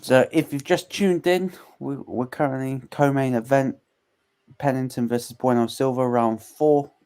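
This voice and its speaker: A man's voice: mid-range voice, steady tone, a little slow, darkish tone, smooth. Chatty man giving casual fight commentary. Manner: chatty, laughs often, recaps for viewers. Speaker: co-host of a fight watchalong.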